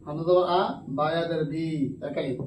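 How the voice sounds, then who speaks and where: A man with a Bangladeshi Bengali accent teaching Quran reading, spelling out letters and vowel marks slowly in a drawn-out, melodic way. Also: fairly high pitch, steady tone, background noise. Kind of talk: spelling-out recitation lesson. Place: madrasa classroom. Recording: echoey room, mic at a distance, faint background ambience.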